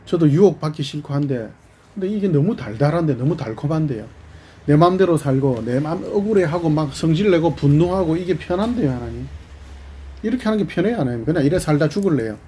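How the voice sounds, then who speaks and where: A man's voice: on the high side, animated, brisk, mellow, slight background noise. A man preaching a sermon as pastor, animatedly voicing both God and the people in turn.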